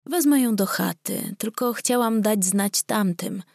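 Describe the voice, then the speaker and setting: Woman doing bashful young village girl, timid and hesitant, slow, dry. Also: medium pitch, gravelly, darkish tone, no echo. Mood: flustered.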